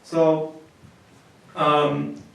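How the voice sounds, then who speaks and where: Far from the microphone in a very echoey room, a priest from the United States talks through a marriage lecture in an extremely slow, monotone way. His fairly high voice is creaky and fairly bright, and his plain, conversational delivery includes restarts and repeated words.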